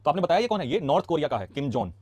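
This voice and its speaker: Rapid-fire Indian man teaching vocabulary. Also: fairly high pitch, sing-song, a little mellow, slightly rough, no room sound. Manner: rapid, chatty, asks quick questions then answers them. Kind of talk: casual classroom lesson explaining words.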